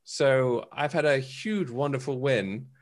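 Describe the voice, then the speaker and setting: Casting: man, mid-pitched voice, chatty self-mocking banter, heard over a video call. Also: slow. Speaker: freelancer on a community call. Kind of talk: casual chat. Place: home office.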